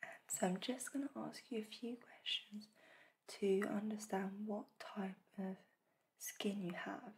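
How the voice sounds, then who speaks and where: A woman in a whispered role-play as a spa facial therapist, speaking in a soft, breathy whisper with a gentle, reassuring manner. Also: mid-range voice, steady tone, measured pace, slight background noise.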